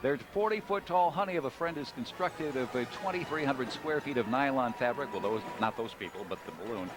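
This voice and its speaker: A man's voice: medium pitch, a little fast. An American man working as a parade commentator, co-hosting a live broadcast with scripted copy and joking ad-libs. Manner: jokey banter. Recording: outdoor street broadcast, music behind.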